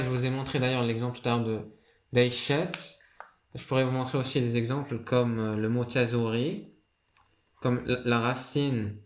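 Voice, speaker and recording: Man, mid pitch, casual explainer, lots of fillers and restarts, echoey room. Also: a little hiss or hum. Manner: hesitant, many fillers and restarts. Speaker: video creator explaining a writing system. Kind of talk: casual spoken lesson. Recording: roomy echo.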